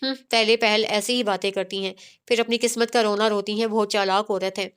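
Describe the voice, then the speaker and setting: A woman's voice: mid-range voice, fairly even intonation, a bit bright, clean tone, close to an everyday voice. Woman voicing a possessive, scornful young man. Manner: scornful, commanding. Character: young male cousin, possessive and short-tempered.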